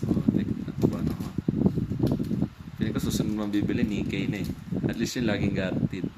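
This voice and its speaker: A man's voice: lowish voice, little pitch movement, fairly quick. A man hosting a casual card unboxing, chatty and joking, counting packs aloud. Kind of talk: casual chat. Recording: loud background noise.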